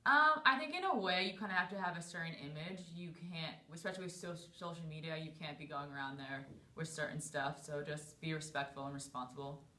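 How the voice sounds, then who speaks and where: A woman's voice: low-pitched, fairly quick, hardly any pauses, sharp tone. A young adult woman giving casual interview answers as a student athlete. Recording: echoey room.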